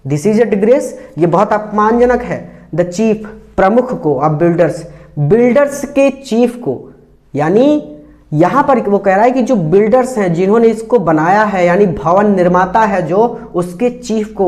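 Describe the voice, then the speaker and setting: A man works through an English text line by line and speaks very slowly. He repeats and rephrases every phrase with patient care. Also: high-pitched, lively intonation, darkish tone. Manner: slow, repetitive, rephrases each phrase several ways. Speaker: English teacher.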